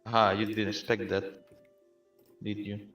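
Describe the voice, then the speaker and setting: A man's voice: lowish voice, little pitch movement, normal speed, a bit bright. A man chatting casually as a player in a game, recorded in an echoey room some way from the mic. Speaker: fellow player. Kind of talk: casual gaming chat. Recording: echoey room, distant mic, music behind.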